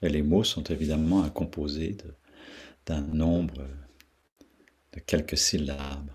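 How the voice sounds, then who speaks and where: A man leading a guided meditation talk, speaking slowly with pauses and repeating syllables to show how they sound. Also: a bass voice, fairly even intonation, a little hiss or hum. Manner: slow, pausing, repeats syllables to demonstrate their sound. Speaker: meditation teacher.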